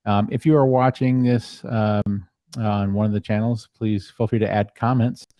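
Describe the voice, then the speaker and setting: A man with a lowish voice hosts a casual livestream, rambling through his points with plenty of ums and uhs. His voice sounds close and dry, with no room around it. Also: steady tone, moderate pace, warm tone, no echo. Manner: rambling, filler-heavy. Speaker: founding member and host. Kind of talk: livestream chat.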